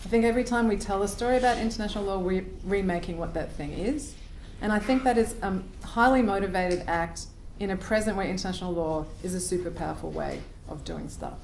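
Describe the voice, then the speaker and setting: A woman's voice: medium pitch, fast talker, hardly any pauses, darkish tone. A woman panelist reasons her way through an academic point, wry and thoughtful, often posing rhetorical questions. Her voice carries the echo of a large room. A faint hiss sits underneath. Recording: echoey hall with faint noise.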